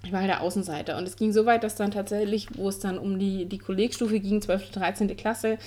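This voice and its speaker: A woman's voice: medium pitch, steady tone, a little fast, warm tone, slight background noise. A woman in her forties hosting a podcast, telling her personal story in an earnest, candid way, with many fillers and restarts. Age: 40s. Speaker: podcast host.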